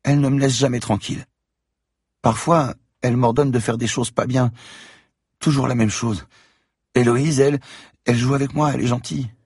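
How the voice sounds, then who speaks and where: A man's voice: steady tone, moderate pace, pauses often, a little mellow, breathy edge, no echo, clean studio sound. A man voicing an eerie, manipulative little girl in an audiobook reading, pleading and threatening. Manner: pleading and threatening in a high childish voice.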